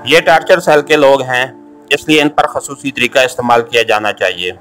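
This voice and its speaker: A careful secret agent talks through a plan in a measured, matter-of-fact tone in a storybook reading, voiced by a man. His voice sits at a middle pitch, even and unhurried. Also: soft background music, natural voice. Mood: planning. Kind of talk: audiobook character reading.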